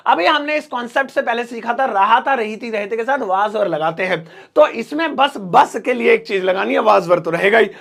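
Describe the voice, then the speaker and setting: A man teaching English sentences in a casual, joking style, slowing down to repeat each drill example. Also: high-pitched, gravelly, fairly bright tone. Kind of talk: casual Hindi English lesson.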